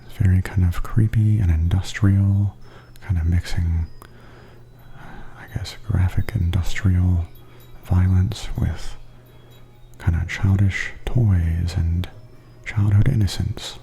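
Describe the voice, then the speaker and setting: A man with a very deep voice gives soft ASMR tour commentary, speaking slowly in a hushed, breathy half-whisper. He's calm, unhurried and gently descriptive, with a little hiss or hum in the recording.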